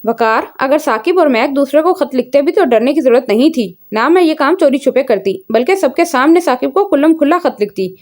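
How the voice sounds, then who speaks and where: A woman's voice: sits high, lively intonation, brisk, few pauses, a little mellow. A woman reading a proud, fiery young heroine. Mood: indignant. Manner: indignant, fiery.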